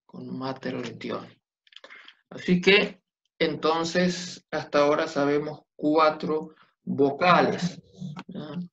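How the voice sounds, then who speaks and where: Man, fairly high voice, slow patient whiteboard lecture, dull lo-fi classroom recording. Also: vocal fry, a bit bright. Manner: patient, checks understanding with tag questions. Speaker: Biblical Hebrew teacher.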